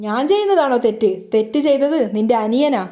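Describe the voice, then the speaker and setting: A woman's voice: sits high, animated, brisk, mellow. A woman reading the lines of a scornful middle-aged woman who accuses a boy of theft, in her own plain voice. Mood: accusing. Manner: read out plainly in the reader's own voice.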